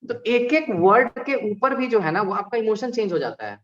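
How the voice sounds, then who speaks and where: A man, an alumni guest on a panel, talking in an animated way and explaining with examples and rhetorical questions. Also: high voice, normal speed. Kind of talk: conversational panel talk. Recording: dull lo-fi recording.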